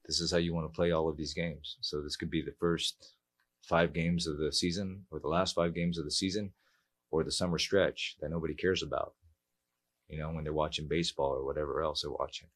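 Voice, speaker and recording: A man in his forties, a football coach speaking at a post-match press conference into a table mic, measured and reflective with many fillers. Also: rumbling low, little pitch movement, husky. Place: press room.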